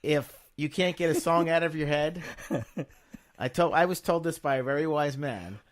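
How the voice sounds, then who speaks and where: A man's voice: on the high side, normal speed. A man chatting casually as a guest, answering with dry jokes. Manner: wry, joking back. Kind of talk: casual chat.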